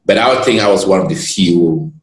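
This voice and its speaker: This guest, a Cameroonian lawyer with a deep voice, shares reflective stories during a conversation recorded in an echoey room. His manner is expansive and earnest, and he pauses now and then to collect his words.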